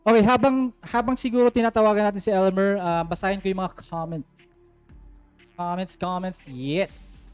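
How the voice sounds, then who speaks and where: A man's voice: high-pitched, steady tone, moderate pace, a little mellow, clean tone, soft background music. A man hosting and judging an online singing contest live, giving friendly coaching feedback, often checking "okay?" and mixing in English phrases. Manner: mixes English phrases into his talk. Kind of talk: live-streamed contest hosting with phone calls.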